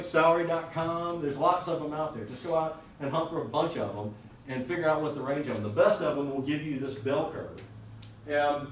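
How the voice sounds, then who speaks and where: A man's voice: a little high, a little hiss or hum. Blunt man lecturing in an echoey room. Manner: blunt, conversational, asks the class questions. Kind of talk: classroom lecture on salary negotiation. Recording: echoey room audio recorded from a distance.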